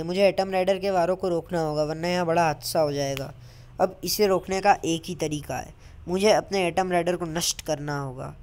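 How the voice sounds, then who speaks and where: A woman's voice: fairly low pitch, a little mellow, lightly acted. A woman voicing a brash boy superhero. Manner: exasperated, lecturing, hot-tempered. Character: brash young male superhero, bossy and boastful. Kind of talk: comic voice-over dub.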